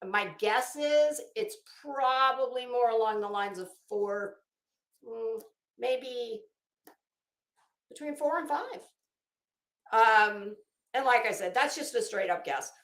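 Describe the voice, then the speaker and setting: An online commentary host with a high voice rants casually and very slowly, blunt and profane, stressing words heavily and breaking off haltingly. Her voice is a bit bright, and the room adds noticeable echo.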